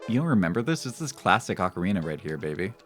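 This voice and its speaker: Male game streamer, casual and musing, lowish voice with animated swings, faint music underneath. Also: fast. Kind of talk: casual chat while gaming. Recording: music behind the voice.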